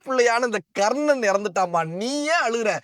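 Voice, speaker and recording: A man's voice: extremely high pitch, expressive, normal speed, a bit bright, clear, resonant tone, no echo, clean studio sound, pitched above the performer's own voice. A man voicing a grieving female goddess of righteousness who pleads and wails in lament. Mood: anguished lament. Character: grieving goddess of righteousness, beating her chest.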